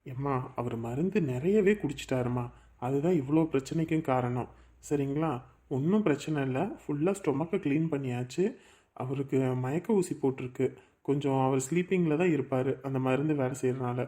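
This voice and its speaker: A man playing a hospital doctor who calmly reassures a mother, mixing in English medical words. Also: medium pitch, a little fast, lightly acted. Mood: reassuring. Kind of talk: drama acting.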